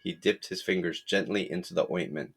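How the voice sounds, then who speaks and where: A man narrating a folktale audiobook in a measured storytelling manner. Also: low-pitched, slightly rough, faint music behind. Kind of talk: scripted narration.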